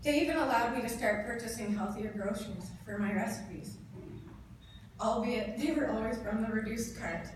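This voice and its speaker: In a heavily reverberant room, picked up from a distance, a Canadian woman in her thirties delivers a motivational speech. Her voice sits a little high, and she tells her story earnestly in deliberate, emphatic phrases. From northern Ontario, Canada. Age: 30s. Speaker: motivational speaker. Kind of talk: prepared motivational speech to a live audience. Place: indoor event room before an audience. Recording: echoey room, distant mic, clear background noise.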